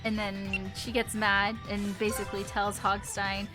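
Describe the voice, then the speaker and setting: A woman's voice: medium pitch, flat delivery, measured pace. A woman streaming a game, chatting casually, laughing often, and retelling scenes in silly mock voices. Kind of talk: casual let's-play commentary. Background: game music.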